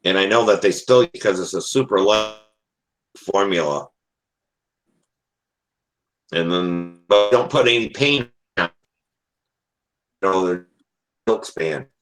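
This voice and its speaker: A man in a casual group call whose voice keeps breaking up over a bad connection, speaking haltingly and trailing off. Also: low voice, a bit bright. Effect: voice breaking up on a bad online connection.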